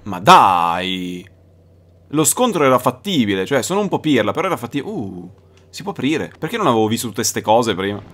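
A young man doing let's play commentary, excitable, swearing and shouting at the game. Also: medium pitch, moderate pace. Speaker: gaming YouTuber.

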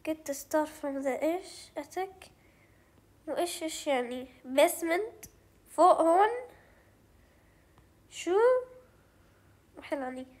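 A young woman with a Levantine Arabic accent, chatting through a game as she plays, thinking aloud and mixing in English words. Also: sits high. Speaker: gaming channel host. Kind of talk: let's play commentary.

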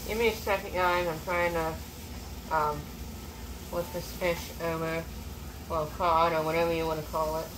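A woman's voice: low-pitched, level tone, normal speed, pauses often. Young woman, casual home cooking vlog, rambling with fillers and restarts, phone close up, noisy recording. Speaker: cooking vlogger. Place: small home kitchen, indoors. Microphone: phone camera close up.

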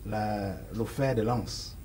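Slow and a little mellow, his voice sits on the low side as this Cameroonian French-accented man in his forties speaks as a political guest. He is emphatic, gestures, and hesitates often in a small studio with sofas, miked with a lapel. The low-quality recording has slight background noise.

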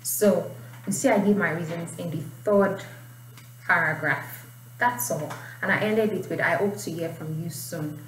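Speaking a little slowly in a voice on the low side, a young Nigerian woman teaches IELTS writing through an informal tutorial of explanation and reading aloud. She's in a small indoor room, and the distant mic captures roomy sound with faint noise.

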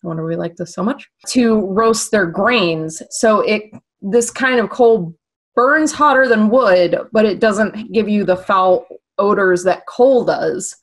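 A woman's voice: mid-range voice, measured pace, low-quality recording. Chatty giggly woman doing a beer review, reads out beer facts, casual chat.

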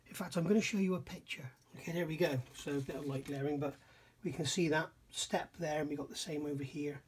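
Fairly high-pitched and breathy, this middle-aged man talks fast with fairly even intonation. He's reviewing a scale model kit at his indoor workbench, a casual hands-on session of musing, admiration and frequent self-questioning as he thinks aloud.

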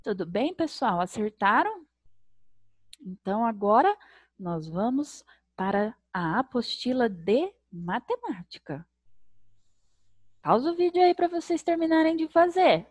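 Slow, lively Brazilian teacher woman. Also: fairly high pitch, no room sound. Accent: Brazilian Portuguese. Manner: slow, sing-song, sounds out syllables with diminutives. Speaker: primary school teacher. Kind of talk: recorded video lesson for young children.

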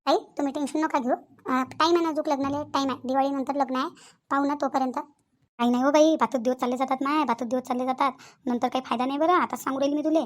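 In a natural, steady tone, a high-voiced woman with a Vidarbha Marathi accent acts the anxious village women of a cartoon family drama. Her worried delivery is fast, emphatic and fretful, circling the same words again and again in everyday colloquial speech.

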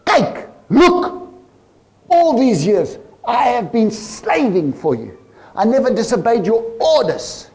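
A man's voice: high-pitched, very animated, moderate pace, a little mellow, voice pushed up. A man voicing a resentful, angry older brother, speaking indignantly and accusingly with a South African accent.

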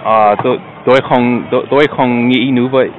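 An American man chats casually with a foreigner's broken, halting delivery, often repeating words. The sound is thin and phone-like, recorded outdoors among busy crowd chatter. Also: medium pitch, steady tone. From United States. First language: English. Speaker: vlogger, learner of Vietnamese. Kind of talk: casual chat. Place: outdoor night market. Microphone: handheld camera operated by speaker. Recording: tinny phone-like sound amid market crowd.

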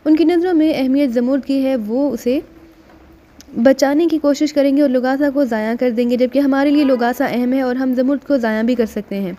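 A man's voice: very high-pitched, mellow. A woman voicing a serious man who lays out a mission plan in an audiobook. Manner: serious, measured. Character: grave male mission planner.

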